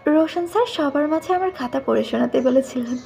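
A woman's voice: sits high, brisk, creaky, mellow, faint music behind. A woman narrating a story in the first person, reading in a plain conversational way. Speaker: audiobook narrator.

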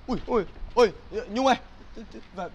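An actor playing a rowdy young man with a Northern Vietnamese accent, who pleads and scolds in a fast, overdone way. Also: very high-pitched, highs cut off, noisy background. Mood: pleading. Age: young adult. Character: rowdy young guy, melodramatic and blunt. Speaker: actor in comedy sketch.

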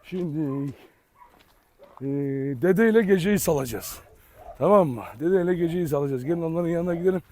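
High-voiced man calling his dogs outdoors. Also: moderate pace. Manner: calls and commands dogs loudly, chatty asides to viewers. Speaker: dog breeder filming his dogs. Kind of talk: casual vlog narration. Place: outdoor farm yard with dogs. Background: dogs barking.

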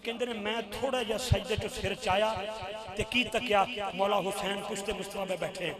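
A man with a very high voice gives a devotional address at a live religious gathering. He shifts between quiet storytelling and loud, shouted chanting, and a crowd can be clearly heard behind him. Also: steady tone, brisk. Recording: live event with crowd noise.

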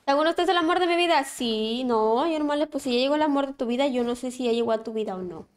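A woman's voice: sits high, quick pace. A woman with a Mexican accent chatting casually on a gaming livestream, greeting viewers by name as she plays. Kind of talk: casual livestream chat while playing.

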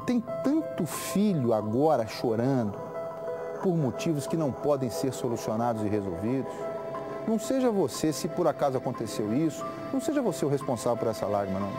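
Male news host, forties, Minas Gerais accent, animated colloquial studio commentary, music bed loud. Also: mid-range voice, brisk. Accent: Minas Gerais Brazilian. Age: 40s. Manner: emphatic, colloquial, appealing to viewers. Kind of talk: informal opinionated studio commentary.

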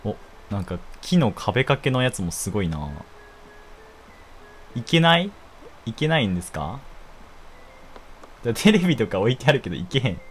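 A young man giving casual, jokey commentary while playing a game, quick to exclaim and laugh. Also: medium pitch, sing-song, a little hiss or hum.

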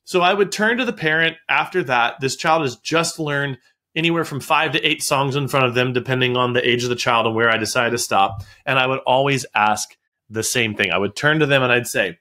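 Bright-voiced man telling studio stories. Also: mid-range voice, fairly quick. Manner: storytelling, digresses and laughs. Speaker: guest, music studio owner. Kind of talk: casual podcast conversation.

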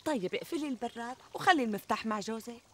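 An actress playing a flattering, reassuring middle-aged Syrian friend who talks emphatically in a TV comedy. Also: female voice, fairly high pitch, racing. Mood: reassuring, curious. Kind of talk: conversational TV comedy sketch acting. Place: outdoors in a garden. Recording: outdoor ambience, trickling water noise.

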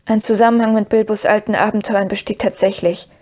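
A woman reading the part of Frodo, a worried young male hobbit who speaks hesitantly and gravely. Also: mid-range voice, fairly even intonation, brisk, mellow, lightly acted. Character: earnest young male hobbit, burdened and anxious.

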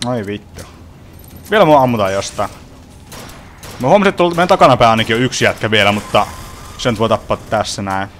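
A man's voice: fairly low pitch, pauses often, fairly bright tone, a little hiss or hum. A young man casually commenting on his own gameplay from home, swearing often and grumbling at the game. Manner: swearing, frustrated, chatty. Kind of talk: casual let's play commentary.

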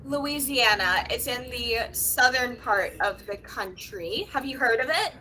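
Young woman tutor, video call. Bright, higher-pitched voice, patient and friendly explanations, faint hiss behind. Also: animated, a little slow, rough recording. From United States. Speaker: English tutor. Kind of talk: casual video-call chat. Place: small dim room indoors. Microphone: laptop webcam on a video call.

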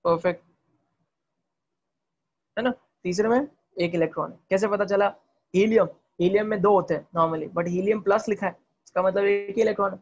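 A man teaching chemistry in an online class, talking fast, quizzing students with repeated questions and mixing English terms into Hindi. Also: sits high, fairly even intonation, muffled recording. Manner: talks fast. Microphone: video call.

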